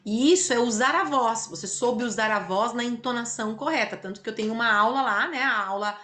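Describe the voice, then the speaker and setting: A woman's voice: fairly high pitch, brisk, fairly bright tone. A woman hosting an interview, explaining in a teaching way and demonstrating speech sounds. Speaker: host, speech therapy educator.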